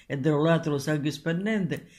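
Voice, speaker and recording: Male, Sicilian dialect, slightly high-pitched voice, reciting devotional folk verse. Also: moderate pace, darkish tone.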